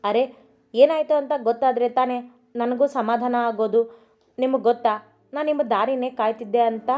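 A woman's voice: a little high, fairly even intonation, moderate pace, natural voice. A woman voicing an anxious young wife who fires off pleading questions at her husband in a story reading. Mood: upset. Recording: dull recording with soft music.

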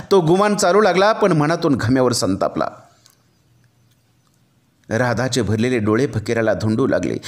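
A man narrating a novel as an audiobook, telling the story in an expressive way. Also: mid-range voice. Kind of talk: dramatic novel reading.

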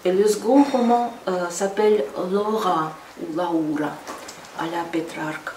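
A woman, a translator giving a halting reading talk full of fillers. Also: lowish voice, steady tone, darkish tone. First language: Russian. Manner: slow, halting, with many fillers. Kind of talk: reading talk with audience questions. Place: reverberant room in a château. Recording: echoey room, distant mic, faint noise.

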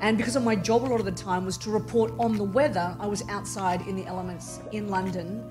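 A woman's voice: mid-range voice, steady tone, quick pace, music in the background. Chatty woman guest in a studio. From Vietnam, raised in Australia. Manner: chatty, self-mocking, laughs often. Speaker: guest, journalist. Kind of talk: casual interview chat. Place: studio with neon-lit backdrop. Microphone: studio mic on boom arm.

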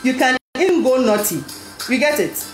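A woman's voice: high voice, very animated, moderate pace. A woman in her thirties with a Ghanaian accent, giving informal advice to camera in an emphatic, teacherly way, with rhetorical question tags. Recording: echoey small room, music behind.

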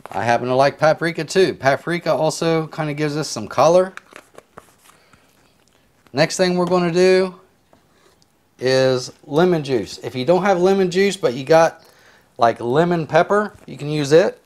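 A man giving a casual cooking tutorial in his home kitchen, chatting in a relaxed, rambling way as he chops and seasons, recorded on a lapel mic. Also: on the high side, a little slow, pauses often. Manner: relaxed, rambling step-by-step explanations with filler words. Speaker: home cook. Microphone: clip-on lapel mic.

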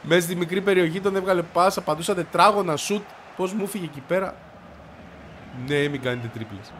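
A man with a stuffy, congested voice giving excited commentary as he plays a football video game, shouting and grumbling at the match. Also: high-pitched, a little hiss or hum. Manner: shouts and yelps at the game, frustrated outbursts. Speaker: gaming video creator.

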